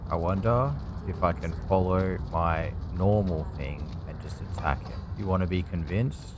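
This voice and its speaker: A man's voice: sits low, normal speed, noisy background. A man giving casual commentary as he plays a game, talking offhandedly to himself. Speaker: gamer hosting a playthrough. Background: loud game music.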